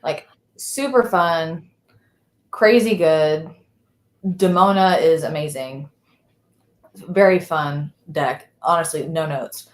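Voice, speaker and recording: A deep-voiced woman takes her time, leaving long pauses. She's co-hosting a live podcast in casual live-stream chat, rambling as she searches for words, and the recording has a roomy echo.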